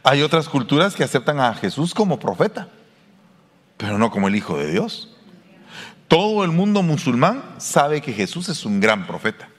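A man with a Mexican Spanish accent preaches a sermon, talking to his listeners as in a conversation. His pitch swings widely as he keeps asking them questions. His voice rings in the long reverb of a hall. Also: big pitch swings, normal speed. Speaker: pastor.

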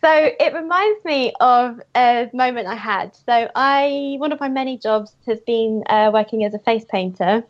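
A woman's voice: fairly high pitch, moderate pace, hardly any pauses, highs cut off. A woman, a comic creator, chatting as a podcast guest and telling stories with laughter and gusto. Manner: animated, laughs often, retells stories with gusto. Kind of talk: casual podcast chat.

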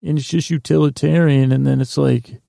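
A male podcast host rambles through a personal monologue, halting and meandering, full of false starts and self-interruptions, sometimes acting out imagined dialogue. His medium-pitched voice is gravelly and creaky with heavy vocal fry, dark and relaxed in tone. The sound is close and dry, with no echo.

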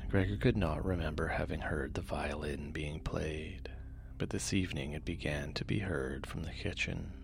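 A man narrating sleep stories in a soft, soothing, hushed manner that often trails into a near-whisper, close to the microphone. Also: moderate pace. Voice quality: soft, low, gravelly. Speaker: host and narrator of a sleep story podcast. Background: music.

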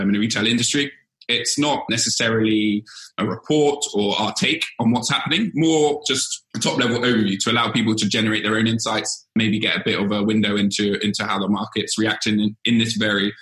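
A man with a fairly low voice explains charts in a steady, methodical way, restarting phrases as he goes. His tone is bright and forceful. The recording sounds echoey, like a bare room. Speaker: senior data scientist presenting a dashboard. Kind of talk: explaining data in a casual work chat.

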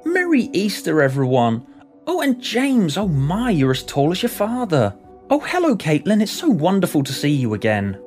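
A man putting on a gushing high old granny. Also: wildly swooping pitch, moderate pace, darkish tone, faint music behind. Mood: delighted. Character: fussing, delighted old grandmother.

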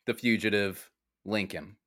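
A man in a comedic podcast chat, running a quiz game with easy jokes. His voice is low-pitched and bright, and the sound is close and dry. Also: steady tone, unhurried, dry recording. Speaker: podcast co-host and quizmaster. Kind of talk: casual comedic podcast banter.

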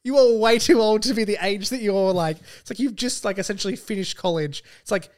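A woman's voice: mid-range voice, brisk, darkish tone. A woman with an Australian accent chatting casually and jokily about films as a podcast co-host, with plenty of slang and swearing. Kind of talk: casual film and pop-culture chat.

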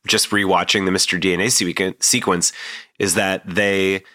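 A man's voice: deep voice, flat delivery, normal speed, bright, forceful tone, dry recording, clean studio sound. A man in his thirties hosting a casual podcast, rambling with plenty of fillers and restarts. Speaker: podcast host.

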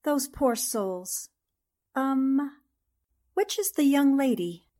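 Playing the bold, quick-witted young reporter of a 1940s-style radio mystery, this actress sounds shaken and subdued. Her high, animated voice moves slowly, and she keeps the earnest, theatrical style of the role.

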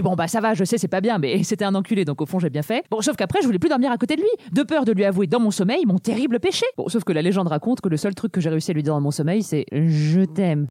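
A woman's voice: medium pitch, mellow, no room sound, studio quality. A woman hosting a podcast, delivering a cheeky, self-mocking comic monologue. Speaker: podcast host. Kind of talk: comic monologue about insults.

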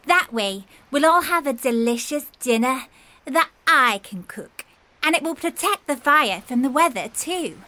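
Woman as eager, high-voiced cook Miss Katy. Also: expressive, unhurried, bright, forceful tone, no echo, heavily acted. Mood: enthusiastic. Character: helpful, enthusiastic female cook Miss Katy. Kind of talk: children's story character acting.

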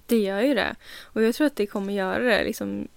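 A woman's voice: mid-range voice, vocal fry, no echo. A young woman co-hosting a casual podcast chat, speaking reflectively and supportively. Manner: reflective, supportive listener, many fillers. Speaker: podcast co-host.

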